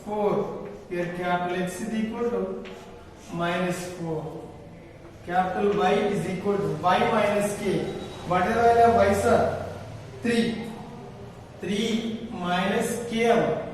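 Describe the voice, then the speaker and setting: A male maths teacher with an Indian accent speaks in a high voice from well back in a very reverberant room. He dictates each step slowly and deliberately, repeating phrases and prompting the class with questions. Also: fairly even intonation. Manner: repetitive step-by-step dictating, stretching key phrases; prompts listeners with questions ending in "sir". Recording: very echoey room, distant mic, faint noise.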